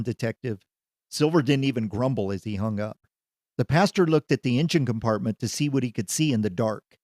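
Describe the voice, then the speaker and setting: Man narrating a story, measured. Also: medium pitch, darkish tone, no room sound, studio quality.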